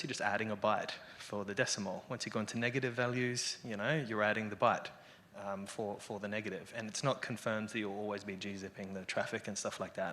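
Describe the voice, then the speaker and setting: A man with a mid-range, fairly bright voice gives a casual, irreverent lightning talk to an audience. A developer and illustrator, he rambles conversationally, peppering his speech with "you know," salty language, and wry asides.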